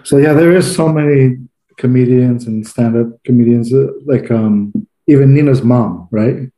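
Easygoing dark-voiced man, echoey room. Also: mid-range voice, moderate pace. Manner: easygoing, asks the others questions. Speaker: podcast co-host. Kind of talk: casual movie review chat.

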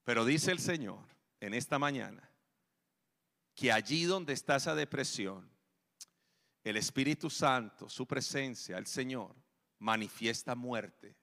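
A pastor preaching a sermon, whose delivery swings between emphatic raised calls and quiet, hushed stretches. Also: male voice, mid-range voice, unhurried, gravelly, long pauses, in a large hall. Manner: preaching with rising emphatic calls and soft drops.

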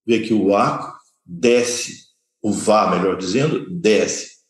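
A man with a lowish voice gives an unhurried lecture on scripture. He pauses often and repeats terms as he points to his slides. The room around him sounds echoey. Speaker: teacher of scripture study. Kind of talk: slow explanatory lecture.

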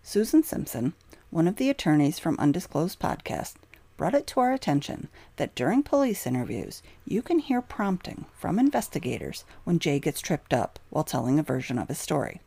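Low-pitched woman narrator, emphatic scripted delivery, dry close sound. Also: big pitch swings, moderate pace, gravelly, warm tone, breathy edge, dry recording. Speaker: true crime narrator.

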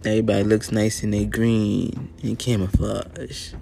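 Gravelly low-voiced man telling his story. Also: little pitch movement, a little slow, warm tone. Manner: earnest, frequent throat clearing and fillers. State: tired, yawning. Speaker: podcast host. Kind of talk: casual personal storytelling.

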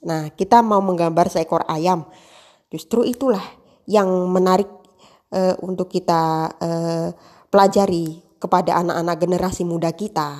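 A young woman talks in a loose, rambling way, full of fillers and restarts. Her voice is low-pitched and mellow, with a relaxed, unhurried flow. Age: young adult. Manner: rambling with many fillers, practicing emcee phrasing. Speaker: aspiring host. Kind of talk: casual monologue.

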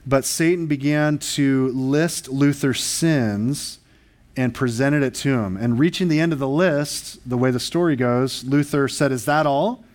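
A man's voice: medium pitch, measured pace, darkish tone. A male pastor preaching a sermon, earnest and emphatic, asking the congregation rhetorical questions.

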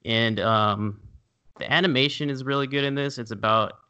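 A man co-hosting a casual podcast, relaxed and loosely searching for words as he describes films. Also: medium pitch, moderate pace, clear, resonant tone, muffled recording. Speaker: podcast co-host. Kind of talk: casual chat.

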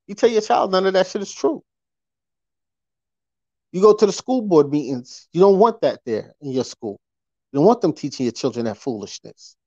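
A man's voice: high voice, big pitch swings, moderate pace, pauses often, a little mellow, no echo. A man hosting a podcast in a casual live-stream rant, emphatic, repeating his points and asking rhetorical questions. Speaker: podcast host. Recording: dry, dull lo-fi audio.

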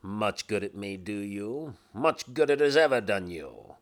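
A man's voice: lowish voice, lively intonation, measured pace. Man acting Scrooge, a stern, miserly old grump. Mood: stern, indignant. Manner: stern, indignant, curt and scoffing. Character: grumpy, miserly old uncle, scornful of Christmas cheer. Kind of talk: dramatised storybook reading.

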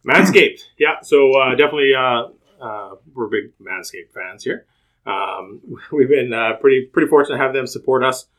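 Middle-pitched guy cracking jokes on a podcast, casual. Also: steady tone, moderate pace. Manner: jokey, laughs during sponsor reads. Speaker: podcast co-host.

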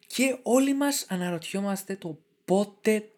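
A man's voice: high voice, darkish tone. A young man co-hosting a podcast in casual chat, joking and teasing his partner. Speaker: podcast co-host.

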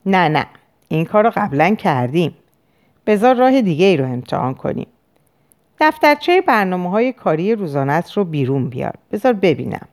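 Calm, coaxing male psychiatrist, read by a woman, low voice with lively inflection. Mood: directive. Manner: gently coaxing, questioning.

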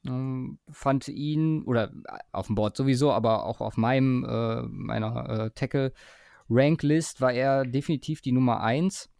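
A man's voice: medium pitch, unhurried, gravelly, darkish tone, clean tone, no room sound, studio quality. A man hosting a casual sports podcast, talking with many hesitations and fillers as he leads the conversation. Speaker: podcast host.

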